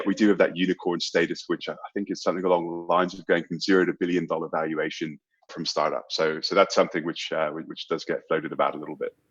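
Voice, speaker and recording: Deep-voiced and captured with dull audio, this man in his thirties is from Bermuda and works as a sales executive. His British accent carries hints of American and Australian, and he talks casually as a guest in an interview.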